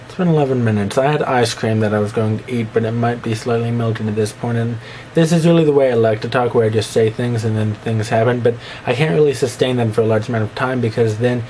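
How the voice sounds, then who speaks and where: Talking fast in an ordinary middle register with a darkish tone, a young vlogger with a slight lisp jumps from topic to topic while mocking himself. He slips into squeaky put-on voices, and the poor audio carries a faint hiss.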